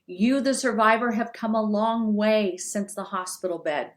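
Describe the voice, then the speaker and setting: A woman in her fifties, a speech-language pathologist, talking in a slow, deliberate and emphatic way over a video call. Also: medium pitch. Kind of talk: encouraging talk on stroke recovery.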